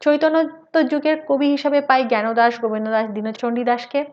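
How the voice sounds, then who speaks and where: Woman lecturer, high voice, reads definitions slowly, kinda dull lo-fi sound. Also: darkish tone. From West Bengal, India. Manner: measured, reads definitions aloud. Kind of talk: scripted educational lecture.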